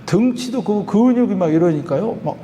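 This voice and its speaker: A male pastor telling a story in a sermon, chatty and animated, chuckling now and then. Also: high-pitched, moderate pace, big-room sound, a little hiss or hum. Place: church sanctuary.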